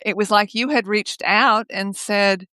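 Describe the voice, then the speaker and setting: An older woman speaking as a guest over a video call from her home office, telling stories in a lively way, laughing often and acting out the voices of others. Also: mid-range voice, a little slow, no echo. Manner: lively, laughs often, acts out quoted speech. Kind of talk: casual conversational storytelling.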